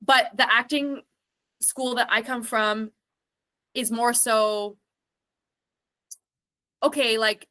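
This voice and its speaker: Bright high woman musing on creativity. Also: fairly even intonation, takes it slowly, pauses often. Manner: thoughtful, rambling, many "like" fillers. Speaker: interview guest, singer and actor. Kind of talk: casual interview chat.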